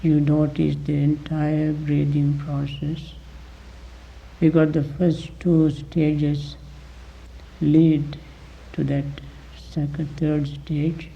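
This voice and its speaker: A man with a gravelly voice gives guided meditation instruction as a teacher, deliberately, in short phrases with long pauses, on a dull recording. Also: on the high side, monotone.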